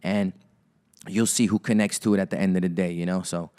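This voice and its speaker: Young rapper dude in an interview, low flat voice, laid back with slang, kinda repeats himself. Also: male voice, fairly quick, clean tone. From Los Angeles area, Armenian heritage. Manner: laid-back hip-hop slang, repeats words as he thinks. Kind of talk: casual interview talk.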